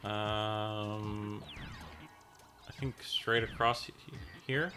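A man's voice: lowish voice, steady tone, extremely slow, pushed and bright, faint music behind. A young man coaching and encouraging his wife through a video game, joking easily as he goes. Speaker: co-player of a gaming channel. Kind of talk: casual let's play chat.

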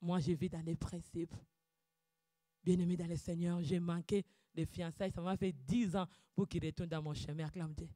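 A woman giving a fervent preaching testimony, breaking into loud shouted calls of praise and dropping to quiet, low asides. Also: flat delivery, normal speed, dry recording, studio quality. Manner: drops to quiet, low asides between outbursts. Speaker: church speaker giving testimony.

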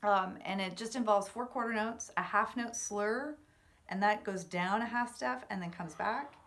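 A woman's voice: mid-range voice, moderate pace, fairly bright tone. Casual woman teaching a music exercise. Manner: encouraging, informal, explaining step by step. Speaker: horn teacher. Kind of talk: casual instructional talk for a practice exercise. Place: medium-sized living room at home, indoors. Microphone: camera or laptop mic about a metre away.

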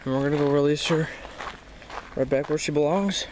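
Guy doing a casual sweary nature vlog outside, voice a bit high, some noise on the camera mic. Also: fairly even intonation, fairly quick, a little mellow. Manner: informal, exclamatory, sweary, addresses viewers as "you guys". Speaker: host of amateur snake-catching vlog. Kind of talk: casual outdoor wildlife vlog chat. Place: outdoors by a creek in weedy woods. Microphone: handheld camera held by the speaker. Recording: noisy outdoor handheld camera audio.

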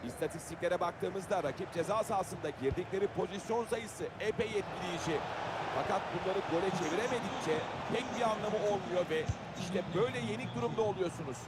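A man playing a measured football co-commentator, giving tactical analysis in a video game. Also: sits high, lightly acted. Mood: analytical. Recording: very loud noise over the voice.

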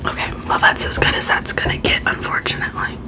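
A woman vlogger whispering in a soft, unvoiced ASMR style, chatting informally and giving frank opinions. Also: fast talker. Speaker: beauty vlogger. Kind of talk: whispered ASMR, casual product chat.

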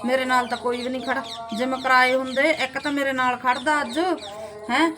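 A woman's voice: sits high, little pitch movement, fairly quick, background noise. A middle-aged woman with a Malwai Punjabi accent, vlogging from home and scolding rude commenters. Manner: indignant, scolding, rhetorical. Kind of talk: casual talk to camera.

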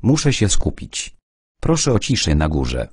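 Man voicing a deep-voiced old clairvoyant. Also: huge pitch swings, measured pace, darkish tone, husky, no room sound, clean studio sound, heavily acted. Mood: solemn. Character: eccentric older man, bearded clairvoyant dowser.

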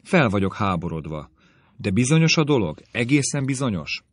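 A male audiobook reader voicing a reserved gentleman who speaks earnestly and with concern. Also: fairly low pitch, very animated. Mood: shocked.

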